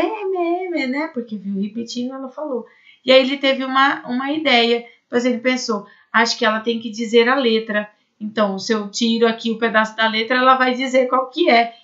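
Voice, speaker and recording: A woman's voice: on the high side, a bit bright. A woman with a Brazilian Portuguese accent teaching a recorded Spanish class, explaining patiently to her students and checking in with them often. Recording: lo-fi dull recording.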